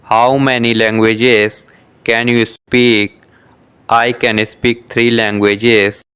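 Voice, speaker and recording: Here a man with a mid-range, level voice and a sharp, clean tone works through scripted beginner English dialogues for shadowing. His delivery is measured and carefully articulated, and he says every short exchange twice.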